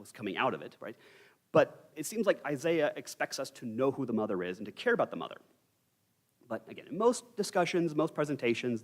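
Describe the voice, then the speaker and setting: Lively young man teaching Bible study. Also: medium pitch. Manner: candid, conversational, with wry asides. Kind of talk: informal Bible study lecture. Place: church.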